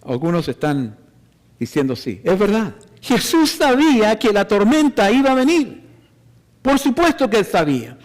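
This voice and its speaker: A man preaching a sermon as pastor, slow and emphatic, putting rhetorical questions to the congregation. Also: high-pitched, very animated, long reverb tail. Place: church hall.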